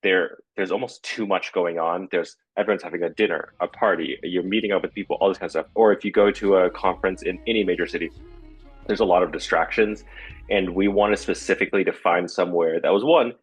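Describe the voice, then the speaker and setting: A man's voice: sits low, fairly even intonation, fairly quick, slightly rough, soft background music, rough recording. A man talking casually in an interview, in a rambling, conversational way. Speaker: festival co-founder.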